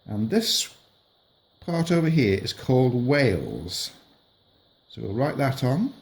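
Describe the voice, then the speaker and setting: Very animated yet slow, a middle-aged man's mid-range voice carries some vocal fry. He patiently and gently explains a lesson to young children, narrating as he draws on a map.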